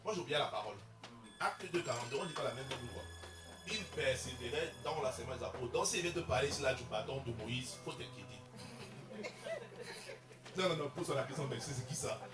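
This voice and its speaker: A man preaching a sermon as pastor, calling out to the congregation and rising to loud bursts. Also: medium pitch, lively intonation, fairly quick, far from the mic, music in the background. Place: large church hall, voice from the PA. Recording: roomy echo from afar.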